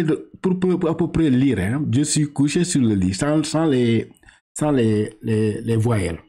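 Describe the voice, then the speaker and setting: A Senegalese man with a Senegalese French accent gives a patient one-on-one reading lesson. He talks very slowly, stretches out each syllable, and often restarts his sentences. His voice is mellow and a little husky. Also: on the high side. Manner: patient, slow drawn-out syllables, repeats and corrects, halting restarts. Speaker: Quran reading teacher.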